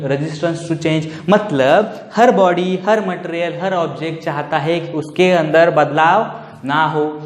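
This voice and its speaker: A male teacher lectures, asking his students rhetorical questions and checking in with "ठीक है" again and again. His voice sits slightly high. The recording is roomy, with a long trailing reverb. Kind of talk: classroom lecture. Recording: echoey room, long reverb.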